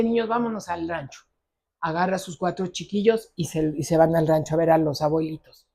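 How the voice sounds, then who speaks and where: A woman's voice: on the low side, darkish tone. A middle-aged woman psychologist with a Mexican accent, telling a case story in a conversational interview and acting out the dialogue. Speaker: psychologist specializing in ADHD.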